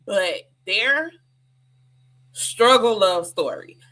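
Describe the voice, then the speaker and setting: Lively woman author in her thirties. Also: medium pitch, drawn-out words, poor audio. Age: 30s. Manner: animated storyteller, laughs often, acts out quotes. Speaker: author guest. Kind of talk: casual interview chat.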